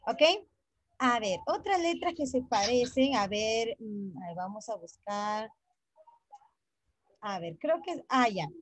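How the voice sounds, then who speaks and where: A woman runs an online English class with patience and deliberation, repeating each point first in English and then in Spanish and spelling words letter by letter. Her voice is a little high and animated, with slight background noise.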